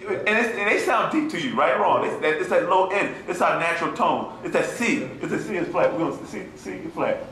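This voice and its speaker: Animated man lecturing in an echoey room. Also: high-pitched, brisk, hardly any pauses. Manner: animated, mocking, keeps asking "you feel me?". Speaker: class teacher. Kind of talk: informal lecture to a class. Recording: echoey room with faint ambient noise.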